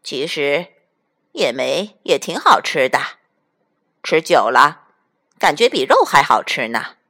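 A woman's voice: low voice, big pitch swings, slow, bright, forceful tone, voice pushed down, heavily acted. Woman doing a stammering clever fox. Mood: wry musing. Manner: stammering and sighing, talking to himself. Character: clever hungry male fox, flustered new father.

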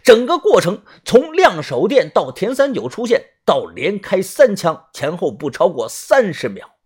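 Husky man telling a suspense story. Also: wildly swooping pitch, unhurried. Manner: tense, suspenseful storytelling with strong pitch swings. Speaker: narrator. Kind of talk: audiobook narration.

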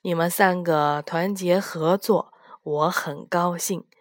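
A woman voicing a kind old male emperor of heaven in a storybook, making slow, grand pronouncements. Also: on the low side, fairly even intonation, no echo, studio quality. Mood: pleased.

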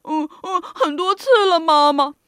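A woman voicing a huge bullying male giant who bellows loudly in a storybook reading. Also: very high voice, a little slow, no echo, studio quality. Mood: whimpering. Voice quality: loud, bellowing.

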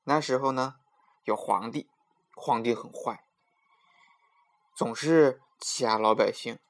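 A man narrates a children's story in an even, middle-pitched voice, gently sing-song and friendly toward young listeners. His delivery is simple and clear. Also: takes it slowly.

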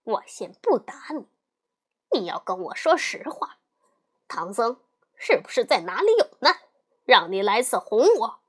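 A woman's voice: on the high side, big pitch swings, unhurried, long pauses, a bit bright, husky, full character voice. Sun Wukong, a cocky monkey king, as a woman puts him on. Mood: scornful. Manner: swaggering, threatening, scornful sneers. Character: brash boastful male monkey king. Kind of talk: storybook character voice.

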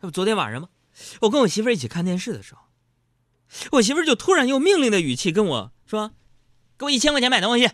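A man doing a stand-up comedy monologue. He talks to the audience in an animated, mock-indignant way. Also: high voice, fast, no echo, clean studio sound.

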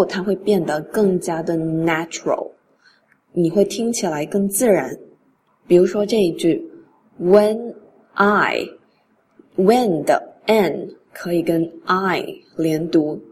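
A woman teaching English pronunciation in a relaxed spoken lesson. She reads English phrases slowly and then explains them in Mandarin. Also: lowish voice, a little hiss or hum.

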